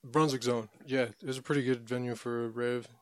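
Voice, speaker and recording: Regular-voiced guy just chatting, mid pitch, kinda hesitant, dry mic. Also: steady tone, fairly quick, dry recording. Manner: easygoing, thoughtful, hesitant with fillers. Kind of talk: casual chat.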